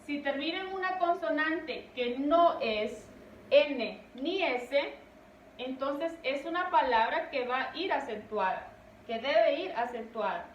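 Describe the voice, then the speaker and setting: Woman teacher for a lesson, unhurried delivery, stressed syllables, recorded from a distance in a faintly noisy room. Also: high-pitched, fairly bright tone, lo-fi sound. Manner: slow, deliberate, stresses syllables. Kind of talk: classroom grammar lesson. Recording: echoey room, distant mic, faint noise.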